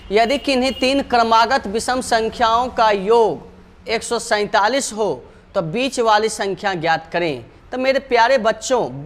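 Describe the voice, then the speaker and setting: A man's voice: very high-pitched, a bit bright. A male math teacher explaining problems step by step, going over each step twice and often calling his students dear children.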